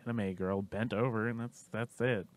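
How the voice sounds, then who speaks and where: A man's voice: on the low side, steady tone. A man co-hosting a podcast, explaining things in casual chat with many restarts. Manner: halting, restarts often while explaining. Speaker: podcast co-host.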